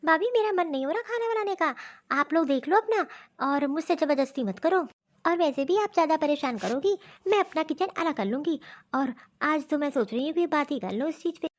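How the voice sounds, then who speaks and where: A woman's voice: high-pitched, expressive, fairly quick. A woman voicing a rude, lazy young daughter-in-law in a cartoon story; she refuses curtly and dismissively. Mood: defiant.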